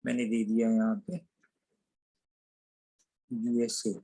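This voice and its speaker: A man's voice: medium pitch, completely flat delivery, slow pace, dark tone, slightly rough, rough recording. A man teaching an online programming class, explaining code step by step as he types. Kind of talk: online coding lecture.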